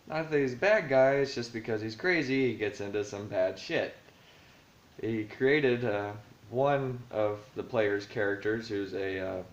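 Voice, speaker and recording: A man vlogging casually about the tabletop campaign he runs as dungeon master, thinking aloud and rambling with lots of fillers, recorded in a room at home. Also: mid-range voice. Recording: roomy, dull lo-fi home recording.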